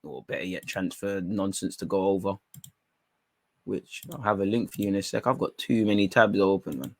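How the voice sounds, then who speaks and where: A young man, hosting a football talk stream in a rambling, slangy, excitable way. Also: sits low, normal speed, no echo. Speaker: football channel host. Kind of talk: casual livestream chat.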